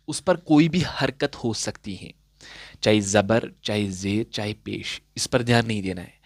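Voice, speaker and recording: A man teaching Quran recitation rules in a patient classroom style, asking questions and answering them himself, and slowing down to recite example verses. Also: medium pitch, a bit bright, dry recording. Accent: Urdu-inflected Hindustani. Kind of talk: classroom-style tajweed lesson.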